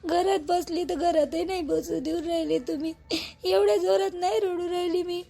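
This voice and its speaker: A woman's voice: very high-pitched, fairly even intonation, moderate pace, vocal fry, warm tone. A woman voicing a tearful, wronged young daughter-in-law, crying and pleading in complaint. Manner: pleading, self-pitying complaints.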